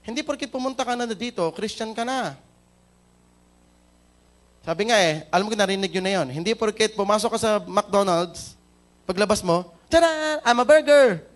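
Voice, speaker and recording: A man's voice: high-pitched, moderate pace, pauses often, fairly bright tone. A Filipino man preaching a sermon in church, telling a story and asking the congregation questions. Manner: mixes Tagalog and English, storytelling, asks the crowd questions. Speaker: pastor.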